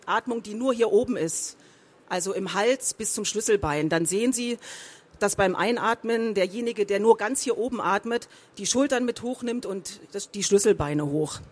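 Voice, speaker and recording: Lady voice pro giving a lesson on reading aloud, shows emphasis on example lines. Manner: explanatory, demonstrates emphasis and pitch with example sentences. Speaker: professional voice-over speaker teaching reading aloud. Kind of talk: spoken lesson with read example sentences.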